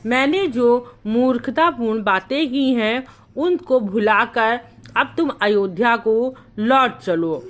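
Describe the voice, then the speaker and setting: A woman's voice: fairly high pitch, takes it slowly. A woman teacher explaining a Hindi poem, reciting each verse line and then paraphrasing it in plain words.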